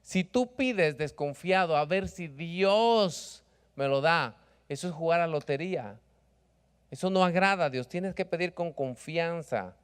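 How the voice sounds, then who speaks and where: Man preaching a relaxed sermon. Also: a little high, a little slow, smooth. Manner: conversational preaching, asks the congregation for agreement; mixes in English words. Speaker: pastor. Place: church office.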